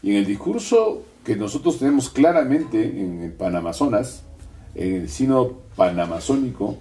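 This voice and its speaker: Mellow distant-sounding Peruvian man. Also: lowish voice, very animated, normal speed. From Peru. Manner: reflective, ironic asides, frequent "¿no?". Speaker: co-host. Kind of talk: conversational commentary.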